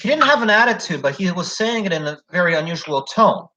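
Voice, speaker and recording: A man's voice: sits high, sing-song, quick pace, bright, forceful tone, slight background noise. A young man in casual chat, retelling a job situation at length with lots of "like" and "so". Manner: rambling retelling full of "like" and "so". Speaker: job applicant telling a story. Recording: dull lo-fi recording.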